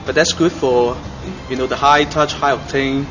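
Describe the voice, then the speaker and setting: A man's voice: medium pitch, steady tone, normal speed. A man student giving a casual interview testimonial. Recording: dull lo-fi audio in an echoey room with loud music.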